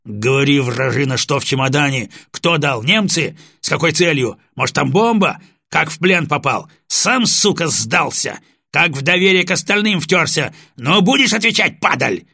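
A man voicing a brutal, exhausted male state security sergeant in an audiobook, shouting abuse with a husky voice. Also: on the high side, expressive, normal speed, dry recording, studio quality, voice pushed up, full character voice. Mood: snarling. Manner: snarling, abusive shouting.

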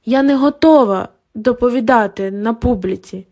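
A woman's voice: fairly high pitch, moderate pace, warm tone. Olivia, a woman voicing a panicky young student. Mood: pleading. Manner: anxious, pleading.

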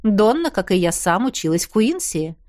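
Woman reading a wry, guarded husband; low and grumbling, dry close sound. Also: sing-song, normal speed, a little mellow, dry recording, natural voice.

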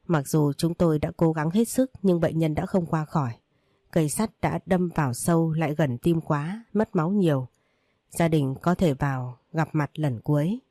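A woman's voice: deep voice, moderate pace, mellow, no room sound, studio quality. A woman voicing a middle-aged male doctor who formally breaks bad news. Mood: solemn. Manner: formal, apologetic.

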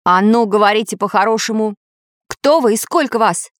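A woman's voice: medium pitch, normal speed, no echo, voice pushed up, lightly acted. A brave little iron man, as a woman reader puts him on, bold and blustering in a storybook tale. The voice is dry and close. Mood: threatening.

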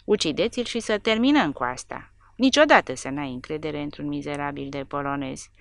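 A woman's voice: low-pitched, animated, gravelly, no room sound, pitched below the performer's own voice. A woman doing a ranting, hateful soldier. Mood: furious. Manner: harsh, ranting. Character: hateful, violent male soldier, bellowing.

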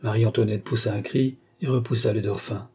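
A man narrating a classic novel in a steady, dramatic reading. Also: lowish voice, a little fast, breathy edge. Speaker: audiobook narrator.

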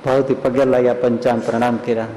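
A man's voice: medium pitch, little pitch movement, fast, warm tone, slight background noise. A man as a swami telling a story in a sermon, folksy and acting out the people in it. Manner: folksy, acts out voices in the story. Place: temple school hall. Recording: echoey hall with long reverb.

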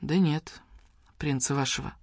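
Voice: mid-range voice, unhurried, dry recording. A reader voicing a confused young woman who protests and groans, close to the reader's own voice. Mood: indignant. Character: bewildered, indignant young woman.

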